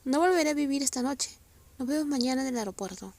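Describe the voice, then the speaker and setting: A woman voicing a cold, weary male film director in a read-aloud story, speaking curtly and quietly. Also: high voice, lively intonation, fast, dry recording. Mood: stern.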